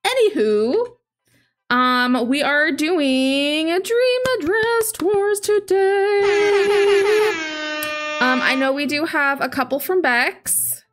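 Hosting a livestream from home, a woman in her late twenties who streams video games chats with viewers and reads their messages aloud. Her voice is high-pitched, expressive, and slow, picked up by a large desk microphone up close as she wears a headset indoors.

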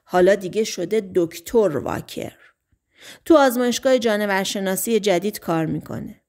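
A woman's voice: medium pitch, expressive, darkish tone, close to an everyday voice. A woman voicing an eager male small-town deputy in an audiobook, dropping her voice to report what he has heard.

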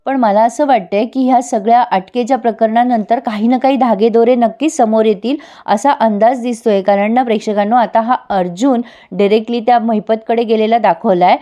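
Woman w/ recapping a tv serial, fairly high voice but soft and mellow, acts out the characters' lines. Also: fairly quick, hardly any pauses, lo-fi sound. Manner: animated storyteller quoting each character's lines. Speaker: serial review host. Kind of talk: retelling a TV episode to viewers.

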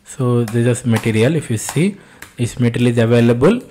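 A mid-pitched man with an Indian accent teaches software through an off-the-cuff, step-by-step screen-share tutorial, speaking briskly with slight background noise. He often repeats phrases and asks himself short questions before answering them.

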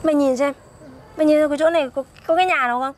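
Husky, boastful woman. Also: high voice, steady tone, rapid-fire. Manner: boastful, defensive, argumentative. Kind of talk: comedic banter.

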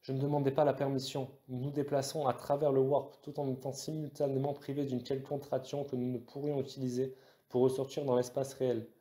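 A man's voice: on the high side, steady tone, fast, warm tone, reverberant, pitched above the performer's own voice, lightly acted. Man voicing a terrified female starship navigator. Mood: trembling. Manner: trembling, fearful urgency. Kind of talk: audiobook character voice.

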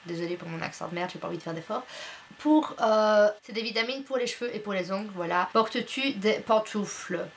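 A woman's voice: medium pitch, a little fast, slight background noise. Chatty young woman, casual vlog. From Belgium. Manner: chatty, blunt and playful, filler-heavy. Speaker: YouTuber. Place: her bedroom.

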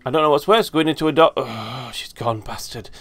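A man's voice: medium pitch, brisk, fairly bright tone. A man commentating a horror game playthrough, jumpy, sweary and joking to himself. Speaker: gaming video host.

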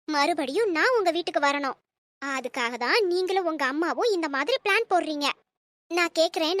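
A woman voicing a cold, defiant young wife in an animated cartoon, speaking in sharp, cutting retorts. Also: extremely high pitch, dry recording.

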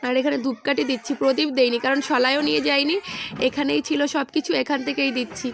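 A woman vlogger with a hoarse, feverish voice, narrating a voice-over while lying down and talking chattily to her viewers. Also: sits high, little pitch movement, fast talker. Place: indoors at home, lying in bed.

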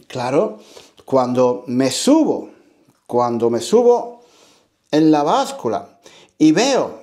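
A high-pitched man from teaches in a theatrical, playful way. He repeats his phrases over and over and leans hard on key words. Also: a little mellow. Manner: repetitive, emphatic, theatrical. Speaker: Spanish teacher.

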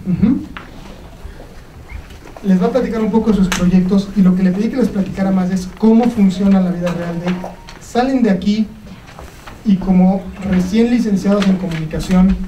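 A woman's voice: mid-range voice, moderate pace, long pauses, dark tone. A woman giving an informal spoken introduction as an event presenter. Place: university lecture room. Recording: echoey room, distant mic, background noise.

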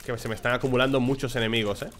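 A man giving casual, excitable commentary on his own gameplay, swearing when surprised and talking to himself. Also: medium pitch, rapid-fire, slight background noise. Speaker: gameplay streamer.

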